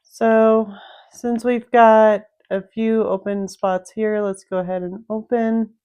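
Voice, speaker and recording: Woman, gameplay walkthrough commentator, clear voice, slow easygoing explaining. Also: fairly high pitch, level tone, muffled recording. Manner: unhurried, explanatory, thinking aloud. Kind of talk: casual game walkthrough commentary.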